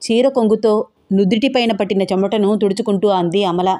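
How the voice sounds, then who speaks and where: A woman narrating a family audio story in an even, plain storytelling voice. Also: mid-range voice, brisk.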